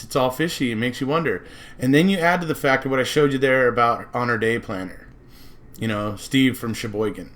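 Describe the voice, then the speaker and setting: An American man delivers a casual, speculative true-crime monologue, rambling and circling back to repeat his points. He speaks at a medium pitch.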